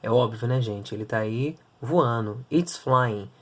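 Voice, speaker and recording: A man teaching an English grammar class online. He walks through the rules step by step, at a middle pitch, and keeps checking that his students are following. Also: measured pace.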